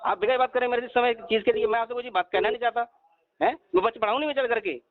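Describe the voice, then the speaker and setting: A man as a bank customer on a heated phone call, firm and steady, who keeps saying "okay ji". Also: extremely high pitch, very fast. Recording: tinny phone line.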